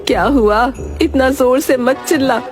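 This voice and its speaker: A woman voicing a teasing, sharp-tongued middle-aged mother-in-law in a cartoon, speaking in a mocking tone over background music. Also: sits high, unhurried, crowd noise. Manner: mocking, jeering.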